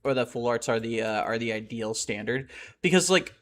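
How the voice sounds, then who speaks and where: A young man with a medium-pitched voice streams a game and chats briskly and casually with his live chat. He rambles, gets excitable, and laughs often.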